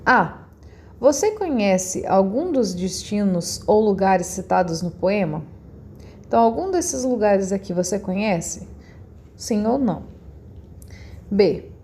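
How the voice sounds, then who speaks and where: Gravelly Brazilian teacher explaining patiently. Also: female voice, medium pitch, expressive, slow pace, pauses often, darkish tone, a little hiss or hum. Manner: patient, step-by-step explaining to children. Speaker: schoolteacher. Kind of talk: recorded remote class.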